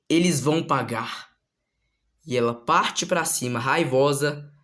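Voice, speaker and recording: A man casually retelling the story of his own manga, relaxed and slangy, with frequent filler tags. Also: medium pitch. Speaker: manga author.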